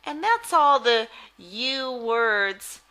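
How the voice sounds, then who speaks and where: A woman giving a phonics lesson as a reading teacher, deliberately enunciating words in an instructional way. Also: a little high, expressive, pushed and bright. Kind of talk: phonics lesson, word-by-word articulation drill.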